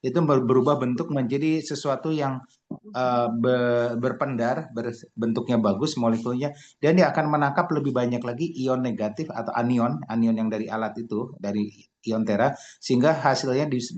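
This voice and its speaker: A man's voice: medium pitch, brisk, lo-fi sound. Man presenting slides, lots of "ya". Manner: frequent "ya" tags, restarts, acted shouted quotes. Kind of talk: motivational product talk with slides.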